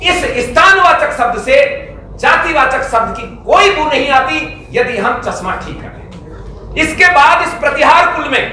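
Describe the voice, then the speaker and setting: Middle-aged man, press conference speaker, emphatic lecturing delivery, bright high voice, echoey room heard from a distance. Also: expressive, measured pace, slight background noise. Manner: emphatic, lecturing, lists names and dates. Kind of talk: formal public address.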